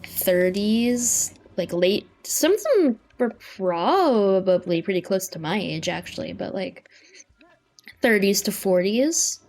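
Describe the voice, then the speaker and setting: A Canadian woman livestreamer chatting casually over a game, rambling in a sleepy, low-key but playful way. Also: lively intonation, slow, a little mellow. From British Columbia, Canada. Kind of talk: casual chat while playing a farming game. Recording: music behind the voice. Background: music.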